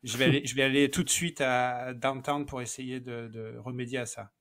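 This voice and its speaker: A man at a mid pitch who guides a podcast conversation. He speaks casually and moves the talk along by asking the other hosts questions. The delivery is loose and conversational. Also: flat delivery, moderate pace, fairly bright tone. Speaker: podcast co-host.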